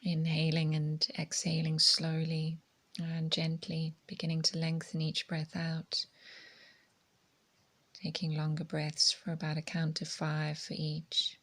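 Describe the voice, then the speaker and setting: A yoga teacher guides a meditation slowly, her low voice flat and steady with little rise or fall and a creaky edge. She instructs softly and gently, often fading into a near-whisper.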